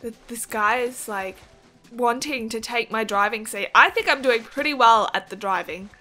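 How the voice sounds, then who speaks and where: A young woman giving chatty, excitable game commentary, gasping and giggling as she reacts. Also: fairly high pitch, moderate pace, faint music behind. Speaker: gaming video host.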